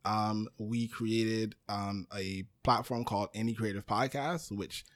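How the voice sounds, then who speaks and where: This podcast network founder from Brooklyn, New York has a fairly low, fairly even voice and an unhurried delivery. He's a guest in a casual interview, speaking loosely and saying "um" and "you know" a lot.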